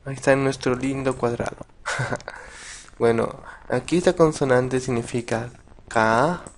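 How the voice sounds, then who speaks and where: A man teaching a casual video lesson, patient and halting, with many restarts and repeated words. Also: medium pitch, steady tone, slight background noise. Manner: patient, addresses viewers directly. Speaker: language teacher.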